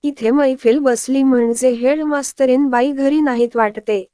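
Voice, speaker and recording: A woman's voice: high-pitched, fairly even intonation, a little slow, mellow, clear, resonant tone, no room sound, clean studio sound. A woman voicing a jovial older father who jokes and reminisces. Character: genial older father of the family.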